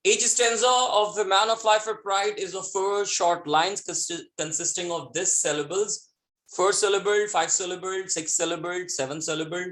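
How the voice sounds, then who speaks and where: A man's voice: fairly high pitch, fairly bright tone, roomy sound. A male teacher with a Pakistani accent, reading exam questions and options aloud and mixing Urdu with English. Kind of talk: exam solution lesson.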